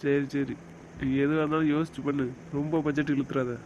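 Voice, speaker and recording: A man's voice: on the high side, flat delivery, fairly quick, a little mellow, muffled recording. A young man with a slightly raised voice plays a doting father. He coos and coaxes in baby talk. Faint background noise sits under the voice. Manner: coaxing baby talk to his infant daughter. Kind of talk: amateur web drama acting.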